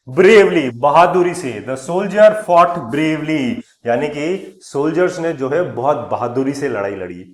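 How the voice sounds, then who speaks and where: A man teaching English words, reading example sentences slowly and clearly, then explaining them in Hindi, stressing each new word loudly before trailing off softly. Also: mid-range voice, echoey room.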